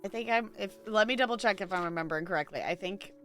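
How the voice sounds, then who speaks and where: Faint music plays behind this livestream host as she chats casually with her viewers, rambling and thinking aloud. Her mid-range voice is a bit bright and moves at a quick pace.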